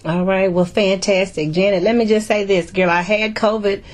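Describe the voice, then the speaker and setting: A middle-aged woman hosting a casual discussion, chatty and warm, often repeating words as she goes. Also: medium pitch, steady tone, moderate pace. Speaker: host.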